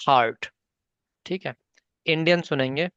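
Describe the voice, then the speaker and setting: A man's voice: a little high, a little slow, a bit bright, clear, resonant tone, no room sound. A man teaches a spoken English class over an online call, patient and encouraging. He calls on learners by name and moves between Hindi and English. The audio is dull and lo-fi with a dry, close sound.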